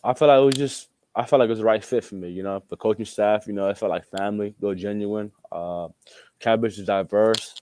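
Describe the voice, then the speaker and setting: A young Australian man, a college basketball player, is being interviewed and chats casually with informal, repetitive phrasing. His voice sits fairly low, with a brisk delivery and a darkish tone, and the recording carries a slight hiss or hum.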